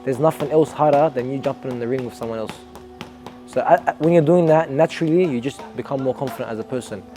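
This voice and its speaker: A young Australian man, an amateur boxer, speaks earnestly and reflectively in a documentary interview, often restarting his sentences. His voice is medium-pitched and mellow, he talks fast, and soft music plays in the background.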